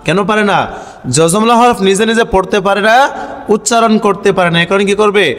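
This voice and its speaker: In a brisk, high-pitched voice with a big-room sound, a man gives a Quran reading lesson, chanting letter-by-letter spellings in a sing-song drawl. In this spelling-out recitation, he then asks and answers his own questions.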